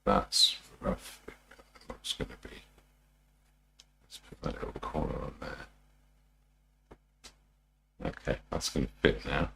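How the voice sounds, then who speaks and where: A man talking through a live demonstration as a painting instructor, informal and unhurried, muttering his thoughts to himself as he works. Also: extremely low pitch, steady tone, creaky, pushed and bright, slight background noise. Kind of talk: TV painting instructor style, musing aloud while demonstrating.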